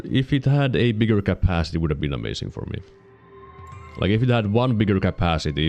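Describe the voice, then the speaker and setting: Deep guy rambling over his game run, bouncy swings in pitch, quick yelps when stuff happens. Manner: musing, self-talking, quick excited yelps. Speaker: gaming channel host. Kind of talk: casual let's-play commentary.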